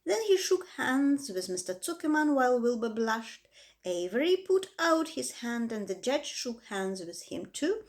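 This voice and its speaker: Woman reading a storybook aloud, expressive, high, very lively pitch. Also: unhurried. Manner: expressive, dramatic emphasis. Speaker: reader.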